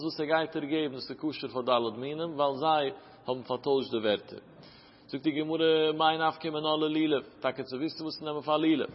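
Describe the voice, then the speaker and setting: A man's voice: on the high side, husky. Man teaching in a sing-song study chant. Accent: Yiddish-inflected. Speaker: Torah teacher. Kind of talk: Talmud lesson. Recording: muffled, echoey lo-fi hall recording.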